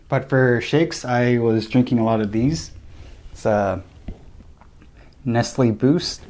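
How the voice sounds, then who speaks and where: A young man talking casually to camera in a low-key, conversational way, sharing tips as a vlogger. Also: darkish tone. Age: young adult. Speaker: vlogger giving recovery tips. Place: small room indoors, seated at a table.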